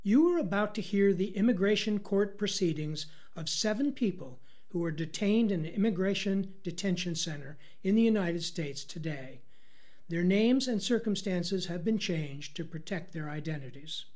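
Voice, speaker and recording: A man reads formal narration and stern instructions in a high voice. His voice rings out in a long reverb. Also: expressive, normal speed, darkish tone. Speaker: narrator and announcer. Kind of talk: scripted narration.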